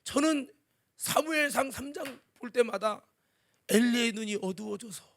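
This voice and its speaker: A male pastor preaches in a strikingly high voice. He swings from loud, fervent exclaiming to hushed musing and breaks into lines of a hymn now and then. He is speaking in a church sanctuary. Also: normal speed. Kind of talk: sermon.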